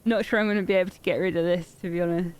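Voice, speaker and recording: A woman's voice: fairly low pitch, steady tone, racing, slight background noise. A young woman from southern England with a southern English accent, chatting casually as a streamer and laughing often. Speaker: streamer host. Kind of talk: casual chat.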